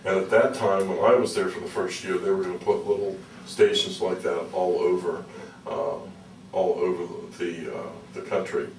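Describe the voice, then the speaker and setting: A man with a deep voice recounts things casually as an interview guest, halting and folksy. He is recorded at some distance in an echoey room. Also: level tone. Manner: halting, repeats words, folksy. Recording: roomy, distant mic with faint noise.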